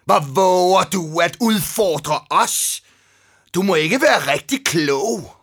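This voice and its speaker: A sneering, arrogant chief of the suitors, as a male narrator puts him on, his words drawn out in a slow, jeering way. The voice sits higher than a man's usual and has a bright, sharp edge. It is told as a storybook figure. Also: expressive, slightly rough, full character voice. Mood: scornful.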